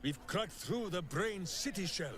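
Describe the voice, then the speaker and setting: An actor voicing a gleeful, hungry character in a video game. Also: male voice, high-pitched, expressive, unhurried, a bit bright.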